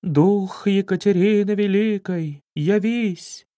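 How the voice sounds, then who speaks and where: A man voicing a scheming fake baroness, a theatrical woman who intones in a drawn-out, spooky way. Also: high voice, warm tone, no echo, studio quality, pitched above the performer's own voice. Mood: eerie.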